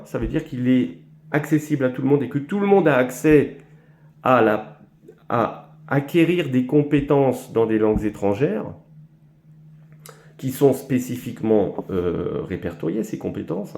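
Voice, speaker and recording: A man from France explaining language learning in a lecture, halting often with fillers and repeated words. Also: medium pitch, vocal fry, warm tone, reverberant. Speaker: language teacher.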